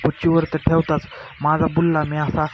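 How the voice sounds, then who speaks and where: A man tells a first-person story in a plain, unhurried way. His voice is a little high and stays flat, with little rise or fall from line to line. The recording sounds dull and lo-fi, with a clear steady noise behind him. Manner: plain, unhurried retelling with quoted dialogue.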